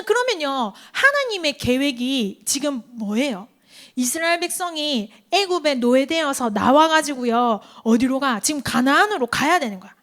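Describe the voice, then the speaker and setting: A woman preaches to a youth group in a bright, high voice. She tells her stories in a lively way, acts out the voices of the people in them and asks her listeners questions. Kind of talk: sermon to teens.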